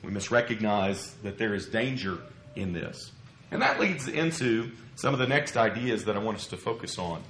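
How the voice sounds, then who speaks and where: In an echoey church with a roomy interior, a man at the pulpit gives an expository sermon, measured and earnest, full of explanation and rhetorical questions. His fairly low, slightly bright voice is very animated and a touch scratchy from a lingering cough.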